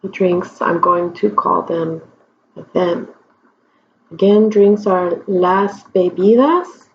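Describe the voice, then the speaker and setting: A woman's voice: on the low side, a little hiss or hum. A woman teaching a Spanish grammar lesson, explaining step by step and checking in with her students. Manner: slow, deliberate explanations with frequent check-ins. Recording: dull lo-fi recording.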